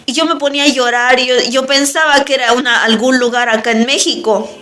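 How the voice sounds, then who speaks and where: A woman recounting a religious vision as earnest spoken testimony, halting and repeating herself often. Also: sits high, steady tone, sharp tone. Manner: repetitive, halting, many restarts.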